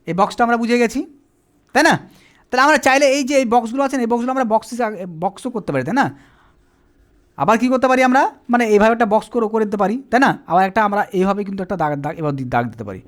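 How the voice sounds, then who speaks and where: Patient whiteboard teacher, animated up-and-down delivery, self-answering questions. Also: mid-range voice, rapid-fire. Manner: asks questions and answers them, repeats "ঠিক আছে?". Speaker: Quran reading teacher. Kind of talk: whiteboard lesson, explaining step by step.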